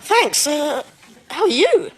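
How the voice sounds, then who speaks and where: An actress playing a playful, dramatic young wife in a sitcom. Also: female voice, high voice, big pitch swings, slow, heavily acted. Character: playful, romantic young wife teasing her brother. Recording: loud studio audience and noise.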